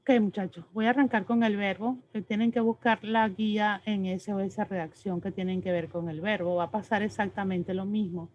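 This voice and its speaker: A woman's voice: medium pitch, steady tone, normal speed, hardly any pauses, darkish tone, slight background noise. A woman teacher explaining spelling and pronunciation rules to her class, patient and explanatory, often checking in with "ok?". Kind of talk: online class lecture. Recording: slightly dull lo-fi audio.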